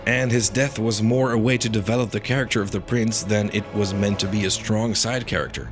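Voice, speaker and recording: A man's voice: on the low side, fairly even intonation, a little fast. A man narrating a scripted video game review in an opinionated, critical manner. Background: faint background music.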